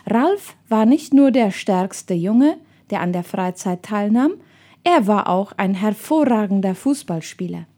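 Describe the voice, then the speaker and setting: A woman calmly reading a children's storybook aloud as narrator. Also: medium pitch, a little slow. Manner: calm, even read-aloud narration.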